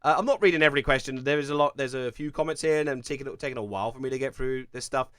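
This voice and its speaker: A man's voice: medium pitch, rapid-fire, fairly bright tone, clean tone, no room sound, studio quality. A young man with an English accent from Kent, chatting casually on a live stream as he reads and answers viewer questions, rambling with plenty of fillers and restarts. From England.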